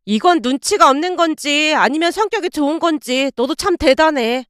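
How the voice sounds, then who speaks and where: A chatty female nurse trading hospital gossip in a confiding, knowing tone, as a woman reading a story puts her on. The voice sits high and sounds dry, with no room around it. It is told as a spoken storybook. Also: animated, moderate pace, a bit bright, no echo. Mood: teasing.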